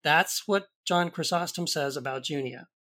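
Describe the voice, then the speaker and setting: A man co-hosting a podcast, giving an emphatic, animated rebuttal to a video clip. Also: on the high side, moderate pace. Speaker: podcast co-host.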